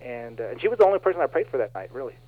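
A man, a minister, telling stories in a casual radio interview, animated and folksy, laughing often. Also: medium pitch, very fast. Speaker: minister and guest. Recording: dull lo-fi radio sound.

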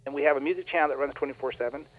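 Man, minister, relaxed storytelling interview, laughs a lot, muffled lo-fi audio. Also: mid-range voice, racing, dry recording. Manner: animated, folksy, laughs often. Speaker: minister and guest. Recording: dull lo-fi radio sound.

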